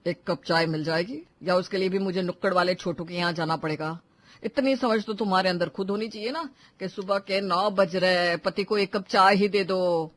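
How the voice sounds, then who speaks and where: Actor voicing a young cartoon husband, sulky, sarcastic, short-tempered, mid pitch. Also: fairly even intonation, moderate pace, a bit bright, close to an everyday voice. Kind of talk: Hindi cartoon voice acting.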